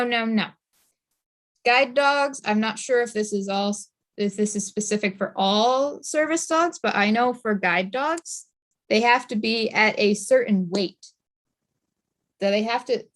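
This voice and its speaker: A young woman who uses a guide dog, giving an informal talk and repeating her warnings emphatically. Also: medium pitch.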